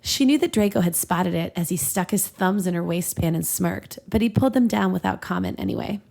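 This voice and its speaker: Fairly low, gravelly and darkish, this woman's voice moves at a fairly quick clip. On her podcast she reads fan fiction like a storybook, stopping now and then for casual, giggly, irreverent asides.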